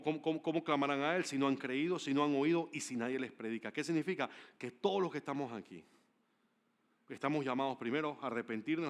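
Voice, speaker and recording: At a church service, a pastor with a medium-pitched voice preaches a sermon full of stories told with animated emphasis. He swings between loud declarations and hushed asides.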